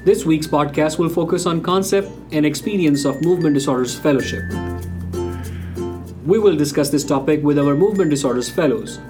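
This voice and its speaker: A man with a slightly raised voice hosts a podcast discussion, speaking in a measured, formal way. Faint guitar music plays underneath him. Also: fairly high pitch, darkish tone. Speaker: podcast host.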